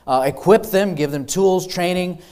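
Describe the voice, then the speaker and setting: An earnest young man who grew up in Peru speaks to a church congregation about his mission work. His voice sits a little high for a man, and he often pauses on "um" and apologizes as he goes. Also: darkish tone, clear, resonant tone. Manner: earnest, with frequent ums and apologies. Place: church sanctuary.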